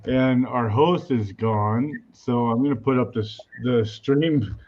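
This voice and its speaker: A man's voice: medium pitch, takes it slowly, a little mellow, slight background noise. Man on slightly muffled video-call audio. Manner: teasing, banters and reads out chat questions. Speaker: livestream panelist. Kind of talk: casual chat.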